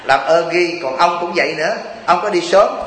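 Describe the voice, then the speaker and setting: A man's voice: a little high, normal speed, a bit bright, reverberant, big-room sound, low-quality recording. A Buddhist monk from Vietnam gives a chatty, joking sermon, teasing his listeners and asking them rhetorical questions.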